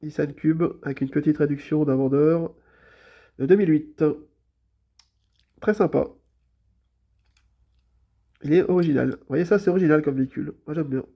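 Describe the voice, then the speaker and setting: A man with a slightly high voice and a soft, mellow tone, talking through a stuffy nose from a cold. He chats in an easygoing, unhurried way, with lots of small hesitations and repeated fillers, like a casual show-and-tell vlog. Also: steady tone. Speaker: toy car collector presenting his collection.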